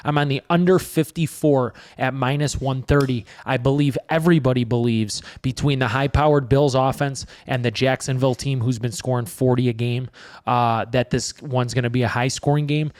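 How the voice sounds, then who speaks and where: A man co-hosting a casual sports betting show, self-mocking and a bit halting. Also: medium pitch, steady tone, a little mellow. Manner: self-deprecating, halting, laughs through his words. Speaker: sports betting podcast co-host.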